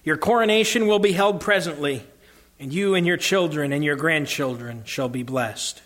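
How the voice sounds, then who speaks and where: A solemn, kingly lion, as a man reads him aloud addresses his new subjects gravely and formally. His voice stays fairly high for a man and moves in a steady, measured way. The part comes from a storybook read within a sermon. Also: natural voice.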